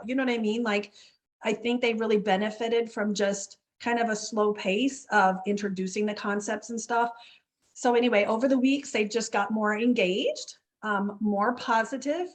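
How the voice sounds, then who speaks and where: A woman run club coach telling a story in a casual interview, chatty, full of fillers and "you know what I mean". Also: on the high side.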